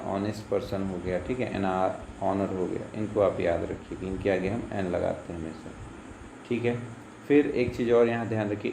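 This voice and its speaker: A man teaches a grammar lesson, patient and steady, posing questions and answering them himself. His voice bounces around an echoey room, with faint crickets and insects audible in the background. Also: on the low side, gravelly, slight background noise. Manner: patient, asks and answers his own questions, repeats "ठीक है". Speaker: school English teacher. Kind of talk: grammar lesson explained in Hindi.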